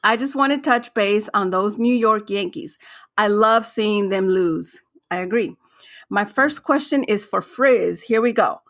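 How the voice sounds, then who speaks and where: A woman's voice: medium pitch, measured pace, a bit bright. A woman co-hosting a sports podcast, reading a listener email aloud with casual asides. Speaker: podcast co-host.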